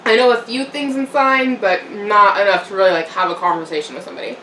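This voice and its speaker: Here a young woman talks quickly in a mid-range, fairly bright voice, chatting and rambling with fillers and little laughs as she eats for her vlog. She's in a room at home that echoes, with the mic a bit far away and slight background noise.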